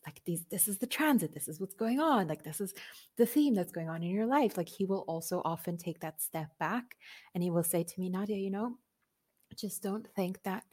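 A business coach appears as a guest on a podcast for a casual conversational interview. Her voice sits on the low side with a darkish, slightly rough tone, and she speaks earnestly and casually, laughing often and using lots of fillers.

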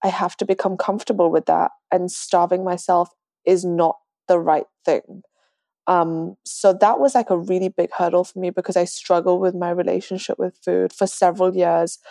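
Her voice is fairly low, gravelly and warm, delivered flatly at a normal speed with no room sound. She's in her twenties, from London, and guesting casually on a podcast in a conversational interview. Her London English accent is slightly Americanised.

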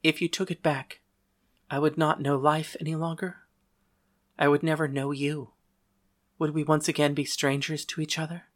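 A man reading a storybook, voicing a young underworld god in an earnest, halting way. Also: on the high side, flat delivery, lightly acted. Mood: pleading. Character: teenage god of the underworld, bewildered. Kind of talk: first-person audiobook reading.

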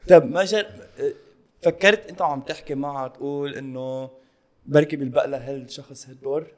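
A man's voice: medium pitch, steady tone, brisk, a little mellow. A man with a Lebanese Levantine Arabic accent, co-hosting a casual chat, telling anecdotes and dropping in English phrases. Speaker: podcast co-host.

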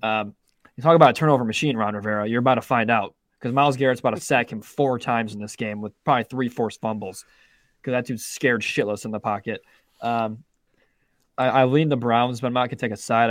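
Speaking quickly in a steady, fairly bright voice of medium pitch, a young man co-hosts a casual sports betting podcast. He rambles in bursts, keeps interrupting and restarting himself, and drops the odd swear word. Clean studio sound, no room sound.

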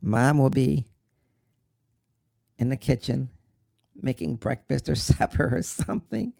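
An actor playing a grieving young man who talks in a slow, halting, tearful way about his mother. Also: medium pitch, gravelly, warm tone, no room sound, clean studio sound. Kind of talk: dramatic monologue.

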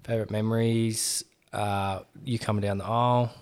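A man's voice: fairly low pitch, little pitch movement, moderate pace, darkish tone. A young man co-hosting a podcast, chatting in an easygoing, slangy way and restarting his words often. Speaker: podcast co-host. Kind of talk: casual podcast chat.

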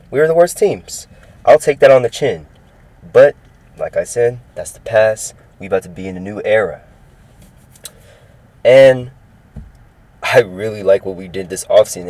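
Fairly low in pitch with a darkish tone, the voice is dry with no room sound and a rough recording. It belongs to an early-twenties California podcast host who goes on cheerfully and repetitively about sports by himself.

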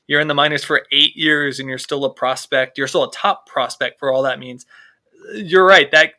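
A man's voice: fairly high pitch, steady tone, moderate pace, sharp tone. A man hosting a casual sports podcast, talking loosely with plenty of fillers and restarts. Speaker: podcast host.

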